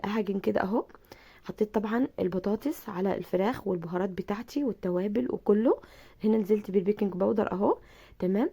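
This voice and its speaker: A fast-talking Egyptian woman hosts a home cooking lesson, her voice hoarse and gravelly from a cold. She chats on, repeating herself and calling her viewers sweet names. Her tone is dark and mellow. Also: medium pitch. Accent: Egyptian Arabic. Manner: chatty, repeats herself, addresses viewers affectionately. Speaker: cooking channel host. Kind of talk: cooking tutorial.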